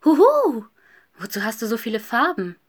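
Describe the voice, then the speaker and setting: A woman voicing a curious, scolding owl in a children's story, with high hooting calls. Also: wildly swooping pitch, moderate pace. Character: hooting nosy owl, shrill and loud.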